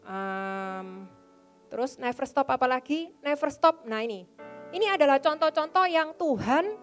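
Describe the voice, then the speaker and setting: A woman's voice: sits high, animated, unhurried, soft background music. A woman from Indonesia, preaching a sermon to a youth congregation and exhorting them with questions. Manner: exhorting, asks the congregation for answers.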